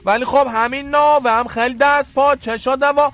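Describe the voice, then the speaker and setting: A man's voice: very high-pitched, fairly even intonation, a bit bright. A man playing a pompous, touchy middle-aged military colonel in a radio comedy sketch, talking with stiff, formal bluster. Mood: self-important. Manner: stiff formal bluster, quick to take offence.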